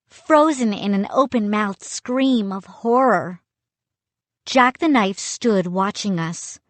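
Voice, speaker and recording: Lady reading a kids book, slow and expressive, no echo. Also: fairly high pitch. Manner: expressive, unhurried. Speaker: audiobook reader. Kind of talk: storybook reading.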